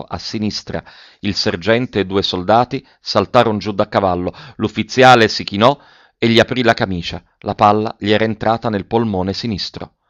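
A man narrating a classic story as an audiobook, in a measured, even storytelling manner. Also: on the low side, dry recording, highs cut off.

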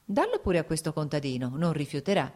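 A calm, worldly nobleman who needles his brother-in-law with easy composure, as a woman reads him. The voice sits slightly low and unhurried in a storybook telling. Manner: calm, teasing. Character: easygoing worldly male nobleman.

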